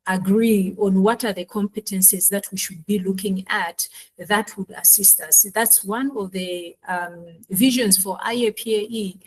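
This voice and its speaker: A woman's voice: mid-range voice, low-quality recording. Woman from Malawi on a panel. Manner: measured, explanatory storytelling. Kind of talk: panel discussion.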